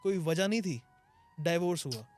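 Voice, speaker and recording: A man hosting a podcast, asking questions in a relaxed, conversational way. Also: on the high side, moderate pace, soft background music. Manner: conversational, asks questions, gives short agreements. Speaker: podcast host. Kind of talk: podcast interview.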